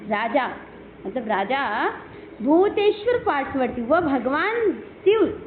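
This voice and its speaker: A woman teaching Sanskrit, telling the story in an animated way and acting out what the characters say. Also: high voice, slow pace. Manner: animated storytelling, acts out quoted speech. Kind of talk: storytelling lesson explaining verses. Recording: phone-like line with faint hiss.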